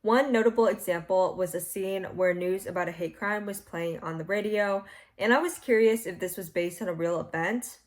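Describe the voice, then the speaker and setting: A woman's voice: medium pitch, moderate pace. A young woman hosting a casual book review vlog from her bed at home, chatty and laughing at her own slips. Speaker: book vlogger.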